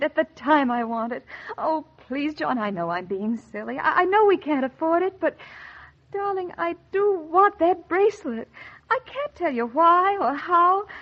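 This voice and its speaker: Desperate and pleading, the high-voiced actress voices a bitter, wistful housewife yearning for one luxury in a melodramatic 1940s radio play. She repeats phrases for emphasis across monologue and dialogue, and the recording is muffled with music playing.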